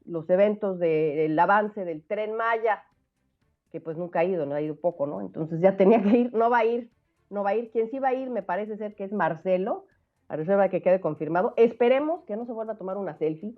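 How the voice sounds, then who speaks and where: A woman giving chatty, lively radio commentary. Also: mid-range voice, brisk, soft background music. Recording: tinny phone line.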